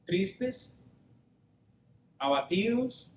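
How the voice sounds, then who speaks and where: A man's voice: sing-song, extremely slow, a little mellow. A man preaching a Bible study sermon, questioning the congregation and explaining Greek words. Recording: roomy hall with faint rumble.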